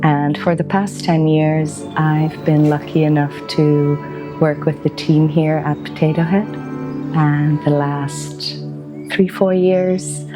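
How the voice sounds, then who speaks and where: A woman in her forties from Belgium speaks in a low, even voice that barely rises or falls. She talks slowly and gently, pausing between thoughts like a documentary narrator. Music plays clearly beneath her voice-over. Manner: slow, gentle and reflective, with pauses. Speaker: wellbeing practitioner.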